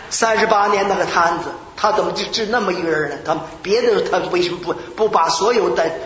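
An older man preaching a sermon, telling personal stories with lively shouts, prayers and laughter. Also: high voice. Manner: animated storytelling, acting out shouts and prayers, laughing. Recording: echoey hall, dull lo-fi sound, faint hiss.

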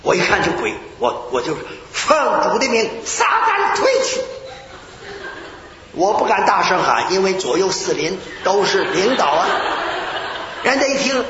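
An older man preaching a sermon, telling personal stories with lively shouts, prayers and laughter. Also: high voice. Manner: animated storytelling, acting out shouts and prayers, laughing. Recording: echoey hall, dull lo-fi sound, faint hiss.

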